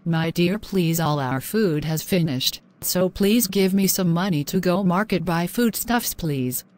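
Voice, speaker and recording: Brief: a woman playing a devout, long-suffering wife, lowish voice, pleading. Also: a little slow, darkish tone, close to an everyday voice. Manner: pleading, prayerful. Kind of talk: animated drama voice acting.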